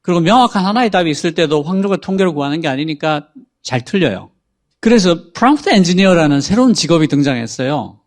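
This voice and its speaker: Man patiently explaining AI, slightly high voice. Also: expressive, quick pace. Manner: patient, explanatory, reads out example prompts. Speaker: guest explaining AI. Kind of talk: explanatory talk-show discussion.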